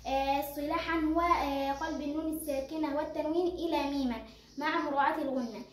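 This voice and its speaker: A woman's voice: sits high, steady tone, fast, echoey room. A young girl with an Egyptian accent explaining tajweed rules as a teacher, asking and answering her own questions. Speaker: Quran recitation teacher.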